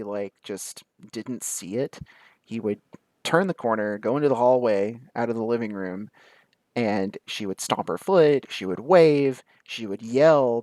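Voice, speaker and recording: A man's voice: mid-range voice, darkish tone, dry recording. Chatty man telling stories, dry sound. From American South. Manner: chatty, laughs often, quick asides. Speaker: vlogger. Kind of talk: casual storytelling to camera.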